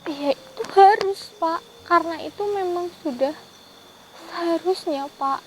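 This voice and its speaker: A woman investigating the paranormal, who pleads gently and keeps addressing the man she is talking to with a polite title. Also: very high voice, measured pace, slight background noise, low-quality recording. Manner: gently pleading, repeats "Pak" often. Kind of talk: vlog. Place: outdoors in a forest at night.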